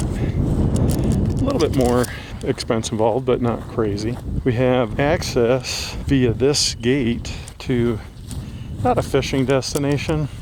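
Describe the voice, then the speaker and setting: Easygoing man vlogging outdoors. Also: mid-range voice. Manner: easygoing, chatty, dry asides. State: out of breath at elevation. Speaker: fishing vlogger. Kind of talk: casual outdoor narration to camera. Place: outdoors on grasslands and creek trails. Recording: outdoor camera audio with noise.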